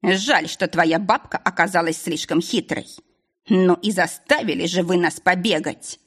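A woman voicing a cold, scheming male duke who taunts his captives in a slow, mocking drawl. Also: on the low side, a bit bright, husky. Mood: smug, mocking.

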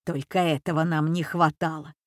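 A woman's voice: low-pitched, little pitch movement, moderate pace, dry recording, studio quality, close to an everyday voice. A woman voicing a ruthless old female bandit who leads a gang, speaking in a commanding, scornful manner.

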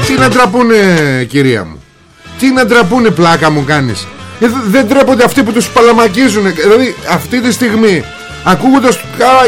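A male radio host delivering a mocking, combative political monologue, speaking straight to his listeners. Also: high-pitched. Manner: mocking, combative rant with rising indignation.

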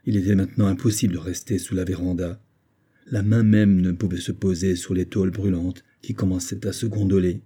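Dark husky-voiced male narrator. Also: low voice. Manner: steady measured reading. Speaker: audiobook narrator. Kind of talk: scripted narration.

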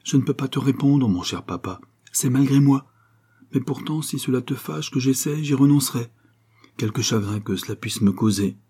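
A man's voice: mid-range voice, moderate pace, warm tone, breathy edge, voice pushed up. A man voicing an anxious, devoted eight-year-old girl in a storybook reading, talking earnestly and pleadingly.

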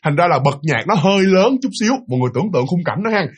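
A man's voice: high voice, expressive, rapid-fire, husky. A man with a Southern Vietnamese accent telling a ghost story casually, chatty and addressing his listeners directly.

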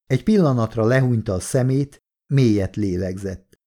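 A man reading a novel as an audiobook in steady, measured narration. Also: mid-range voice.

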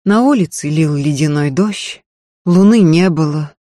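A woman narrating a novel in an even, measured reading style. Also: deep voice, no room sound, studio quality. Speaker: audiobook narrator.

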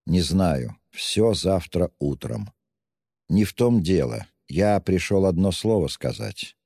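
A man's voice: low voice, lively intonation, slow, vocal fry, mellow, no echo, clean studio sound, in a large hall, full character voice. A man voicing a gloomy, brooding young male student who speaks curtly in an audiobook reading. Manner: curt, gloomy.

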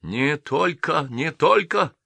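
A man voicing a hot-headed young lieutenant bent on revenge, speaking hoarse and clipped in an audiobook. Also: mid-range voice, measured pace, sharp tone, no echo, pitched above the performer's own voice, exaggerated voice. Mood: anguished.

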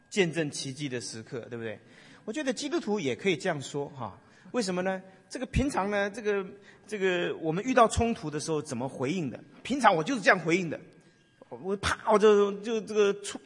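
A man preaching in a conversational style, telling lively stories and often asking the listeners "right?". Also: sits high, husky. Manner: lively storyteller, asks the audience "right?". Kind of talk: conversational sermon with storytelling. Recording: long hall reverb.

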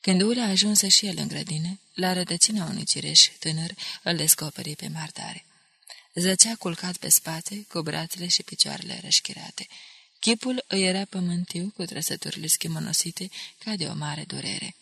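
A woman reading an audiobook in a measured, dramatic narration. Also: fairly low pitch, animated, creaky, bright, forceful tone, husky, no room sound.

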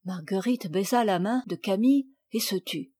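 A woman narrating a children's classic as an audiobook, with a clear, expressive reading. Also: mid-range voice, moderate pace. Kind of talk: storybook reading.

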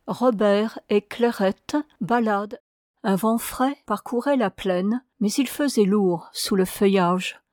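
A woman reading a translated prose poem aloud as an audiobook, in a measured, solemn way. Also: medium pitch, a little mellow, no echo, studio quality. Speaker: audiobook reader. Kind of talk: scripted narration of a prose poem.

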